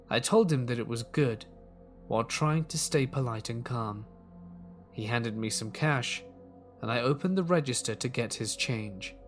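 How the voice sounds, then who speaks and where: Guy reading a scary story calmly, mid-pitch voice, quiet music under it. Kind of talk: scripted horror story narration.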